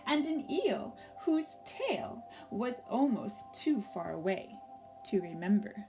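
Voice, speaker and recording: A woman reading a story aloud for young children, gently and expressively, pausing to ask them questions. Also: on the high side, sing-song, faint music behind.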